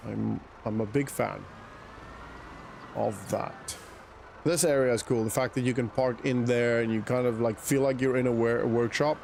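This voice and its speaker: Here the South African streamer, accent part South African and part British, talks through his gameplay in a relaxed way, responding to chat and thinking out loud. His medium-pitched voice has vocal fry, fairly even intonation and a slightly mellow quality at a moderate pace, with slight background noise.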